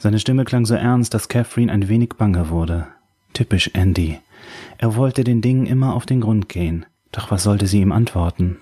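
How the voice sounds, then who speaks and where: A man calmly narrating a novel as an audiobook reader. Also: lowish voice, moderate pace, breathy edge. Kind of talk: scripted narration.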